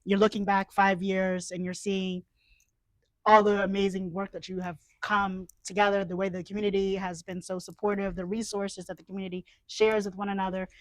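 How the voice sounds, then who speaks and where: Female host, mid pitch, encouraging and affirming, dry close sound. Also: level tone, brisk, no room sound, low-quality recording. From New York City. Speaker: interview host. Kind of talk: conversational interview.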